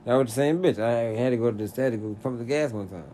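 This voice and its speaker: A man in casual chat, telling crude stories animatedly and jumping high and loud when acting out his reactions. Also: quick pace, slight background noise.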